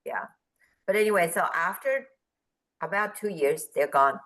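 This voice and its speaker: Animated woman telling a business story. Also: lowish voice, moderate pace, poor audio. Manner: animated, quotes people in raised voices, laughs. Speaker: guest speaker on business forum. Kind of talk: storytelling in a video call. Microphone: video call.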